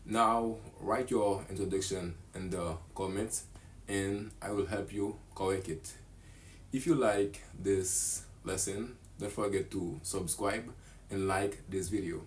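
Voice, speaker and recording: This deep-voiced young man hosts a channel and teaches English, walking beginners through a lesson on camera from a small room. His intonation stays fairly even and his pace slow and deliberate, with a bit of hiss or hum in the background.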